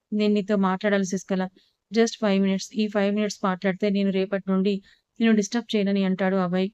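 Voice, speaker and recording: Woman narrating a story, smooth even voice. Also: mid-range voice, no echo, dull audio. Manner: reads all characters' lines in her own voice.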